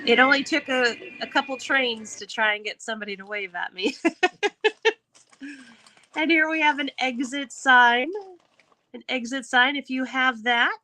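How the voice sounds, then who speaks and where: A woman's voice: high voice, unhurried, long pauses, sharp tone, low-quality recording. A woman hosting a live online game, chatty and upbeat, who laughs often as she announces the winners. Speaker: host.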